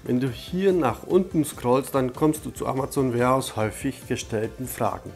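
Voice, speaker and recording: This YouTube host has a cold, and his mid-range voice sounds gravelly at a normal speed. Soft music plays behind him while he walks viewers through an online tutorial, casual and step by step, friendly and direct.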